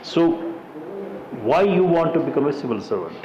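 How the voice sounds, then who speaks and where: A man's voice: fairly high pitch, sing-song, normal speed, darkish tone. A man questions a candidate as a formal panelist. His questions are short and probing, heard in an echoey room with faint noise. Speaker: interview panelist. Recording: echoey hall, dull sound, background noise.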